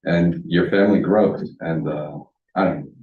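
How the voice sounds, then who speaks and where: A man's voice: deep voice, unhurried, a little hiss or hum. A man born in the United States, a landlord speaking at a public comment session, blunt and rambling, often restarting his sentences. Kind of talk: public comment at a village board meeting. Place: village board meeting room. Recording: roomy meeting hall, distant dull mic.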